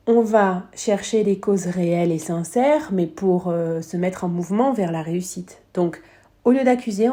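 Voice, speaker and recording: Gravelly-voiced French woman coaching. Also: mid-range voice. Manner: lively, emphatic, acts out short quoted examples. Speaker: business coach. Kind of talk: explanatory business lesson.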